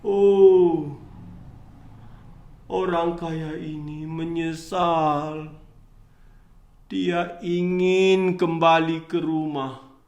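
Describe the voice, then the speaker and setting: A man telling a Bible story to children, emphatic and questioning his listeners, in an echoey room. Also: fairly high pitch.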